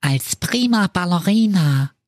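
A whiny, sulky pig. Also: male voice, sits high, animated, a little slow, no echo, studio quality, pitched above the performer's own voice. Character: stubborn, whiny male pig. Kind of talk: comedic radio play.

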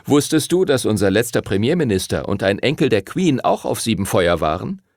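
A man's voice: lowish voice, big pitch swings, brisk, dry recording, clean studio sound. A man voicing an eager, reassuring young man in an audiobook, speaking with enthusiasm. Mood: excited. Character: eager young male graduate, excitable and reassuring. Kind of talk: audiobook character voice.

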